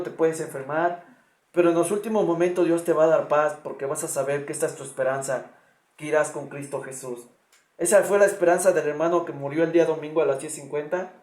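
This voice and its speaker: A man's voice: fairly high pitch, a little mellow, reverberant. A man preaching a sermon, speaking earnestly and directly to his congregation.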